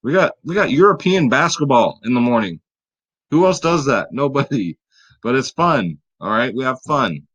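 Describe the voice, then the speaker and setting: A man's voice: mid-range voice, lively intonation, moderate pace, a bit bright, breathy edge, highs cut off. A man hosting a fantasy sports picks video, talking casually and straight to his viewers, tired late at night. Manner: chatty, hype-building, talks straight to viewers.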